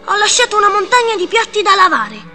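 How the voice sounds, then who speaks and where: A woman voicing an eager, clumsy twelve-year-old boy in a storybook, sounding excited and wide-eyed. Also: extremely high pitch, fairly quick, soft background music, exaggerated voice. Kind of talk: storybook character dialogue.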